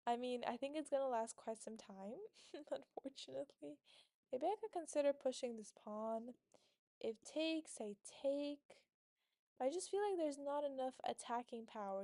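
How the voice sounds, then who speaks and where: A woman's voice: on the high side, warm tone, no room sound, clean studio sound. A young woman streaming a chess game, talking her moves through aloud in a casual, self-deprecating way and laughing often. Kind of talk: casual live commentary while playing chess.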